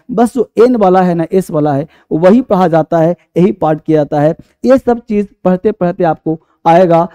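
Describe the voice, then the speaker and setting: A man's voice: high-pitched, mellow. A man teaching a class, who quizzes the students, answers his own questions and repeats each point, calling students by affectionate terms. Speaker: English teacher.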